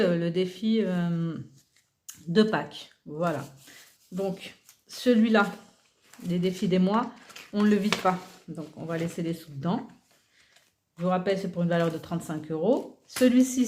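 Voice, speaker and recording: A woman's voice: lowish voice, a little mellow. A woman in her forties chatting casually about her budget envelopes, filling her talk with hesitations and counting money aloud. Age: 40s. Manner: chatty, many fillers like euh and voilà. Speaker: budgeting vlogger. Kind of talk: casual chat while sorting cash envelopes. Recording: faint background noise with rustling clicks.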